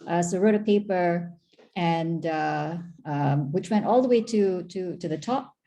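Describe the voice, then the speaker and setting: With a fairly low, dark voice and a measured pace, a middle-aged Malaysian woman, formerly head of a tech agency, talks as an interview guest. Her answers are chatty and talkative, full of restarts and fillers.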